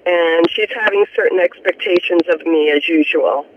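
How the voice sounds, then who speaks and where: On a tinny, faintly hissing phone line, a woman from Florida phones a radio show to pour out her personal troubles. She's earnest and rambling, open about family problems, and talks at length at a normal speed in a voice on the low side.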